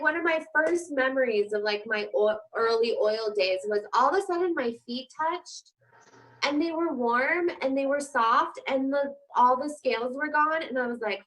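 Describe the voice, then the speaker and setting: A woman in her forties chats casually on a talk show. Her voice sits a little high and sounds bright and sharp. She tells her stories with animation and slips into the voices of the people she quotes. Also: low-quality recording. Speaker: guest host. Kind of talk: casual chat.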